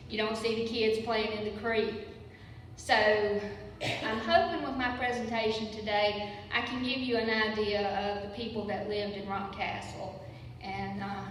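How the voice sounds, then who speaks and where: An older woman with a Southern US accent giving an informal, folksy public lecture in a conversational way. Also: fairly high pitch. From Patrick County, Virginia, United States. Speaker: guest lecturer and local history teacher. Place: large echoey room at a public lecture. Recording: very echoey hall, distant mic, faint noise.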